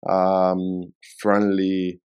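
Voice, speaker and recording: Gravelly, low-voiced middle-aged man. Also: completely flat delivery, highs cut off. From Venezuela. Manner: halting, often repeats words while searching for them. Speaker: real estate developer, guest. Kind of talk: casual interview answers.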